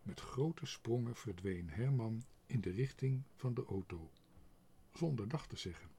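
A man reading a children's book aloud, expressive and sometimes dropping to a whisper. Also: medium pitch, unhurried, vocal fry, background noise. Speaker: narrator.

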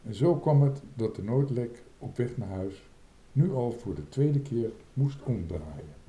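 A man reading a children's book aloud in an expressive, dramatic way. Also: medium pitch, measured pace, roomy sound, a little hiss or hum. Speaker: storyteller.

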